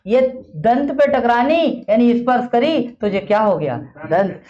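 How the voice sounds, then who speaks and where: A woman teacher giving a grammar lesson, who asks the class questions and then drops low and soft to give the answers herself. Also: lively intonation, unhurried, highs cut off.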